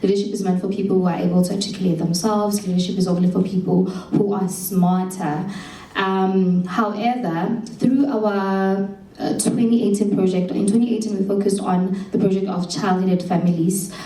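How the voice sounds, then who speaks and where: Speaking in a dark-toned, medium-pitched voice with fairly even intonation and normal speed, a young South African alumna earnestly recounts what she learned at a showcase, with some restarts. She is recorded at a distance in a roomy event hall, and a faint hum is audible.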